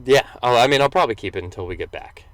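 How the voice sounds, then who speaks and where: A man's voice: medium pitch, lively intonation, very fast, fairly bright tone, no room sound. A young man co-hosting a podcast in casual, joking chat, swearing freely. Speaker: podcast co-host.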